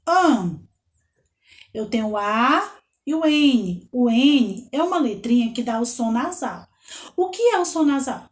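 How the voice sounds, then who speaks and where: A woman with a Brazilian Portuguese accent teaching young children, slowly spelling out letters and counting aloud. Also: a little high, roomy sound. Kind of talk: children's lesson.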